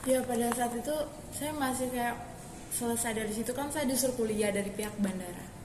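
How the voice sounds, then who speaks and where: Speaking briskly in a fairly high voice, a young adult woman recounts her story in an interview. Her telling is casual and rambling, full of restarts and fillers. Echo from a hall and background noise surround her.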